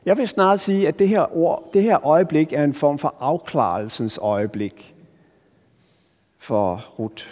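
A man's voice: on the high side, a little mellow. Earnest male pastor in a reverberant church. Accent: Danish. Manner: earnest, searching, with frequent restarts and emphatic pauses. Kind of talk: sermon.

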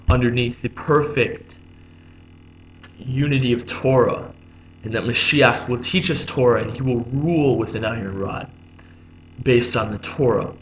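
A man at an ordinary middle pitch gives an unscripted religious lesson. He pauses often on "um", restarts his phrases and explains each term again. The recording is dull and lo-fi, with a faint hum underneath. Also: fairly bright tone. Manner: halting, many "um"s, repeats and glosses terms. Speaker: religious teacher.

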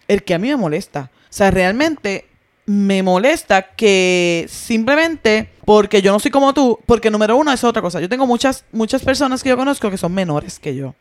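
Woman, podcast co-host, casual chat, mid pitch, questioning, example-driven. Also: animated, moderate pace. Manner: questioning, talks through examples.

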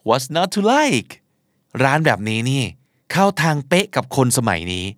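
A man's voice: fairly high pitch, no room sound, clean studio sound. A man teaching English idioms in Thai, playfully acting out example lines in English and Thai. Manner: playful, switches between Thai explanation and acted English lines.

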